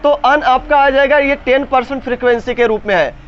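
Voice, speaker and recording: A male teacher leading a grammar class. He repeats each point as a question to the students and slowly stretches the key words to stress them. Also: very high voice, a little hiss or hum. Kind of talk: classroom lesson with call-and-response. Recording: slightly dull lo-fi sound.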